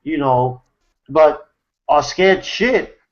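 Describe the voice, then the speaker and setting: A man with a high, light voice tells a long story in loose, casual talk, stopping and restarting often. His voice comes through a video call with muffled, lo-fi sound. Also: lively intonation, extremely slow. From New York City, USA. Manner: rambling, many fillers and restarts. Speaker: host of an online hangout.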